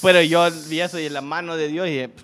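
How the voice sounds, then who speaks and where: A Honduran man with a slightly raised voice recounts an anecdote among friends. He tells it with animated energy and keeps repeating words to drive his points home. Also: a little high, fast talker. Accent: Honduran Spanish. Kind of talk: casual storytelling among friends.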